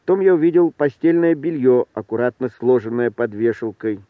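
A man narrating an audiobook in a measured, subdued storytelling manner. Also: mid-range voice, animated, no echo. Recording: dry, tinny lo-fi recording.

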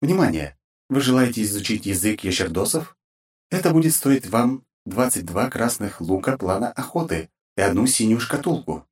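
A man's voice: lowish voice, expressive, moderate pace, darkish tone, distant mic, natural voice. A man voicing an impersonal game system announcer in an audiobook, with a formal announcing tone. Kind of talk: audiobook reading.

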